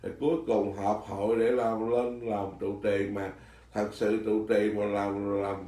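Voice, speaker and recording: A man, a Buddhist monk telling stories from his life in easy conversation. He talks in an animated way, laughs often and trips over his restarts. The recording carries a clear echo, and he sits some way from the mic. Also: fairly low pitch, unhurried. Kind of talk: casual storytelling chat. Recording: echoey room, mic at a distance.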